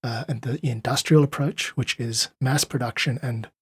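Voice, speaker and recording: A South African man, an independent musician appearing as a podcast guest, talks through his ideas earnestly and articulately, often reaching for analogies. His medium-pitched voice is steady and slightly rough, delivered at a normal speed with no echo.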